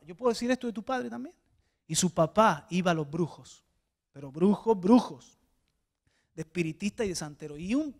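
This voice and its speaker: A male pastor preaching a sermon to a congregation, swinging hushed tones to loud exhortation and often repeating small words. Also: high voice. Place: church before a congregation.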